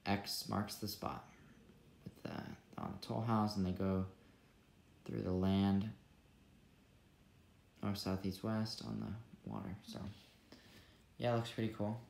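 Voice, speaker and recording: A young man with a deep, low voice chats casually while reviewing a toy set, trailing off into asides and fillers. His voice bounces around an echoey room, with audible noise behind him. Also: level tone, slow pace, creaky, pauses often, a little mellow. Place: room at a table with toys.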